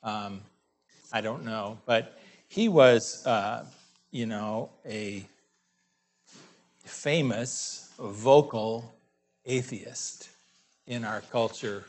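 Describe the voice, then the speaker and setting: A male pastor preaching a sermon in a halting, conversational way, with many fillers and restarts. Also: fairly low pitch, darkish tone.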